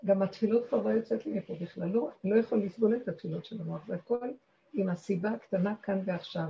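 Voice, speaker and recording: A woman's voice: medium pitch, gravelly. A woman teaching a women's spiritual class, earnest and encouraging. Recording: dull recording with faint background noise.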